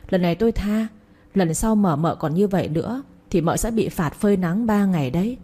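A woman's voice: medium pitch, expressive, a little fast, dark tone, husky. A woman voicing a stern older matriarch who lectures her daughter-in-law and maid.

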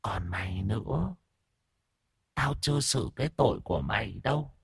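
A man voicing a vengeful ghost child speaking through a possessed young woman, slow, eerie and menacing, in a horror story. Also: on the low side, expressive, vocal fry, breathy edge, dry recording, clean studio sound, heavily acted.

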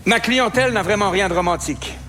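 An actor playing a reflective, wry immigrant lawyer who narrates a stage play in a measured, musing tone. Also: male voice, sits high, natural voice. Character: reflective middle-aged Italian-born immigrant lawyer, wry. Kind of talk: theatrical stage monologue.

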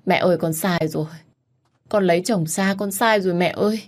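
A woman's voice: on the low side, a little fast, a little mellow, husky. A woman voicing a grief-stricken young pregnant woman who pleads through tears, in a storybook reading. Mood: pleading, sobbing. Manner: sobbing, pleading.

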